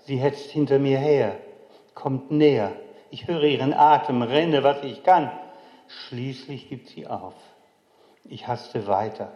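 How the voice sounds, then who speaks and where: A man's voice: mid-range voice, takes it slowly, mellow. An older man tells a childhood memory in a solemn, reflective way. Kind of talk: memoir storytelling. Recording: dull, echoey hall recording.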